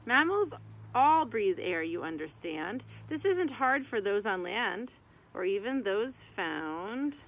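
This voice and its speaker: Sitting beside a tree in a garden, a woman in her thirties reads a children's picture book aloud like a teacher, phrase by phrase with brief asides. Her mid-range voice is sing-song and slow, while birds and a rooster sound in the outdoor background.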